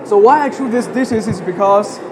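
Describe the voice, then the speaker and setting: High-voiced man from China, hesitant. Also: moderate pace. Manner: hesitant, simple phrasing. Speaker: guest. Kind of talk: live comedy sketch on stage. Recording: noisy live stage.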